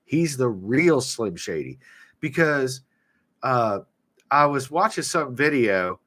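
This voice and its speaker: A man hosting a casual livestream monologue, talking bluntly and profanely with animated sarcasm. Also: mid-range voice, takes it slowly. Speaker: livestream host and author.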